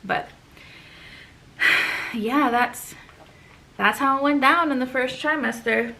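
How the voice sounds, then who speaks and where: A woman's voice: sits high, slow, sharp tone. A young woman vlogger chatting casually to camera, out of breath, with lots of fillers and sighs.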